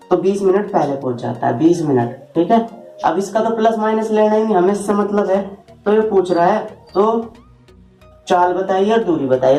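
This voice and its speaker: A man's voice: high voice, warm tone, roomy sound. A man teaching a math lesson at a board, talking informally and often asking his students rhetorical questions as he works through each step. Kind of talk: board lesson explaining shortcuts.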